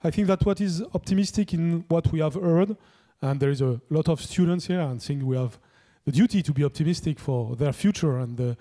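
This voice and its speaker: Guy wrapping up a conference, kinda high voice but mellow, lots of uh and restarts. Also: brisk. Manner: hesitant, many fillers and restarts. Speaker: conference organizer giving closing remarks. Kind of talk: formal closing speech.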